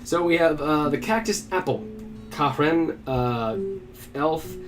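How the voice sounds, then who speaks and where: A man's voice: on the high side, takes it slowly. A man working as a game master, talking to himself in a casual, rambling way with many fillers while he plans his game. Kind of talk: casual solo stream prep, thinking aloud. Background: guitar music.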